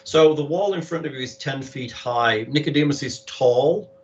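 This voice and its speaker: A man's voice: mid-range voice, moderate pace, highs cut off. A man acting as game master, casually narrating a tabletop game and making rulings.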